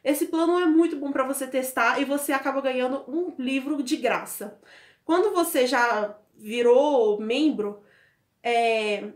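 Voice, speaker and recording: A young woman from Brazil casually walking through an app on her phone, chatty and laughing often, speaking into an earphone mic at home. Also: sits high. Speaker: book vlogger. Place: home room with bookshelves. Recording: echoey room.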